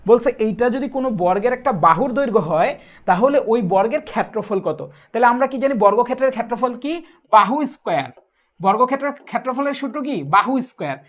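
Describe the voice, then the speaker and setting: A man's voice: very high voice, animated, brisk, a bit bright. A young man, teaching a live math class. He asks the students questions, answers them himself and repeats the steps. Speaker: math tutor. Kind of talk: live online exam-prep math class.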